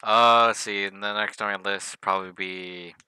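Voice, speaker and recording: A man's voice: lowish voice, fairly even intonation, moderate pace, bright, forceful tone, clean tone, no room sound, low-quality recording. A man chatting casually on a voice call, rambling and giggly, with frequent restarts and swearing.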